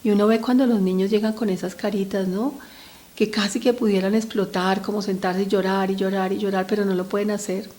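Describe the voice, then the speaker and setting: A woman's voice: medium pitch, flat delivery, brisk, dark tone. A middle-aged woman giving an earnest talk to parents about children's emotions, speaking to them directly and often checking in with short tag questions. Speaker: speaker on family mental health.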